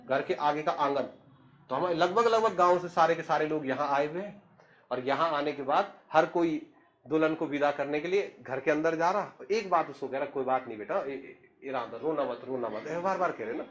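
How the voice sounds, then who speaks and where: A man's voice: on the high side, moderate pace, lo-fi sound. A man, telling a story in a chatty, humorous way and speaking straight to the listener. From Uttarakhand, India. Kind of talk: casual spoken storytelling.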